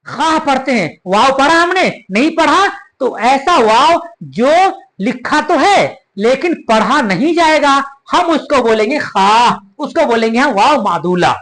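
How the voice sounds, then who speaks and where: High pitched teacher, patient, says the key words over and over, stretches out examples like a classroom lesson. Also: expressive, a little slow, hardly any pauses, fairly bright tone, poor audio. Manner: addresses viewers as students, calls them child. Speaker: Urdu teacher. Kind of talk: classroom-style grammar lesson.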